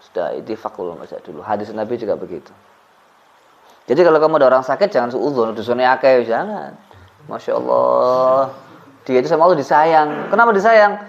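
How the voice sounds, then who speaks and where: Guy teaching a religious class, slow arabic bits then jokey explaining, muffled lo-fi recording. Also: mid-range voice, lively intonation, darkish tone. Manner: switches between slow Arabic recitation and casual joking explanation. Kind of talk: kitab study lesson.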